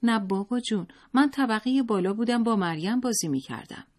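The audiobook narrator voicing a spoiled little boy who whines and cries, in a high put-on voice. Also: animated, close to an everyday voice. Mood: tattling. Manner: high whining, crying. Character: spoiled whiny little boy, tantrum-prone.

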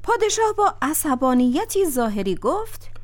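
A woman narrating a classic tale in an expressive storytelling voice. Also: high voice.

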